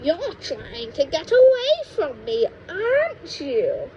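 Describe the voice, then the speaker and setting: A woman voicing a sinister, witchy old grandmother in a storybook, menacing and secretive, with a drawn-out delivery. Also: huge pitch swings, muffled recording, full character voice. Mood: accusing, menacing. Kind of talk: storybook character voice in an audiobook reading. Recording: noisy low-quality home microphone.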